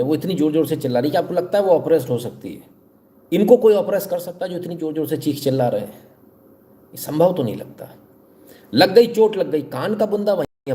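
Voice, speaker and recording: A man's voice: fairly high pitch, warm tone. A man hosting live news commentary, talking straight to viewers with sarcastic, rhetorical questions.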